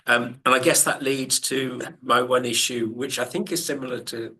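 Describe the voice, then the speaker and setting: A man contributes to a board meeting over a video call. His voice is mid-pitched with a bright edge. He talks thoughtfully, pausing often with ums. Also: fairly even intonation. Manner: hesitant, many ums, thoughtful. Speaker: board member.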